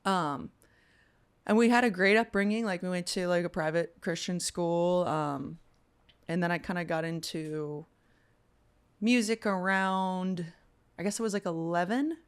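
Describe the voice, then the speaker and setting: A woman's voice: lowish voice, measured pace, clean tone. Chatty young woman telling her story. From Virginia. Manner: relaxed, chatty, giggly. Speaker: guest musician. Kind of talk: casual interview storytelling.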